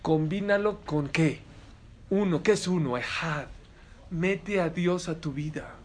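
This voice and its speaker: A man teaching a Torah class as a rabbi, animated and emphatic, often putting questions to his listeners. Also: fairly high pitch, slow pace. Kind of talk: sermon.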